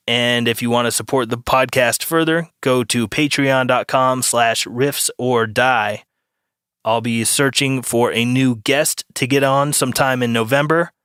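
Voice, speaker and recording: A man's voice: mid-range voice, a bit bright, clean tone, no echo, clean studio sound. A man hosting a solo podcast, rambling and opinionated with many fillers. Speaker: podcast host.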